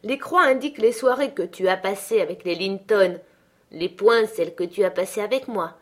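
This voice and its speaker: A woman reading aloud, voicing a rough, jealous young man who speaks in an insistent, agitated way. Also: medium pitch, normal speed, lightly acted.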